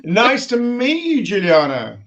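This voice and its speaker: Over slightly dull, lo-fi video-call audio, an English-accented male host conducts a casual online interview full of jokes and banter. His voice is high, a touch bright, a little slow, and swings widely in pitch.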